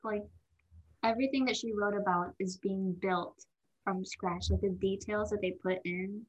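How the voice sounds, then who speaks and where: A woman's voice: medium pitch, steady tone, moderate pace, slightly rough, low-quality recording. A woman musing aloud in casual podcast chat, rambling with many "like"s. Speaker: podcast co-host.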